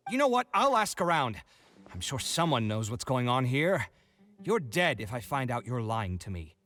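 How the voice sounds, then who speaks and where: An actor playing a proud, hot-tempered young male architect in a video game, indignant and quick to bicker. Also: medium pitch, big pitch swings, a bit bright. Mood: irritated.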